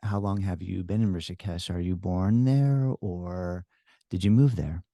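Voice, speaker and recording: A man's voice: low voice, a little slow, gravelly, no room sound, studio quality. A man hosting a podcast, asking questions in a friendly, appreciative way. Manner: warm, appreciative, laughs easily. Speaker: podcast host. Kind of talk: casual interview conversation.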